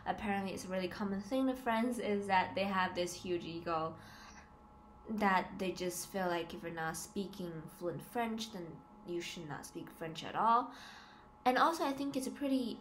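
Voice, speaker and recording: Her voice mid-range and her speed normal, this twenty-something vlogger studying abroad confides in the camera from a small, plain indoor room. She's casual, unsure yet forceful, and repeats her words a lot, all captured on a noisy home recording.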